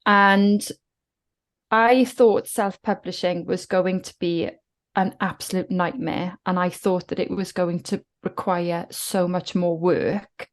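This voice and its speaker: Appearing as a guest author on a podcast, a Welsh-accented woman from South Wales reflects in a slow, steady voice on the low side.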